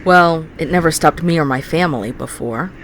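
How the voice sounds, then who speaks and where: A woman with a low voice speaks at a moderate pace, playing a headstrong, teasing alien starship officer in a science fiction audio drama. She sounds emphatic, confident and goading, with noise behind her.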